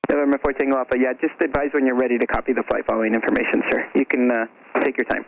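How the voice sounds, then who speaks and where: A man's voice: medium pitch, steady tone, rapid-fire, a crowd in the background. A man working as an air traffic ground controller, giving clipped procedural instructions over a muffled aviation radio.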